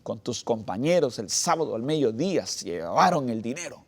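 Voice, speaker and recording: A man's voice: mid-range voice, sing-song, moderate pace, pitched below the performer's own voice. Man playing a blunt, stern male boss. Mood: accusing.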